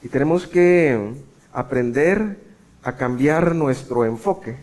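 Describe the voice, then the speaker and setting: A middle-aged man, preaching a sermon as pastor. He swings from quiet asides to loud, raised cries for emphasis. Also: mid-range voice, expressive, slow.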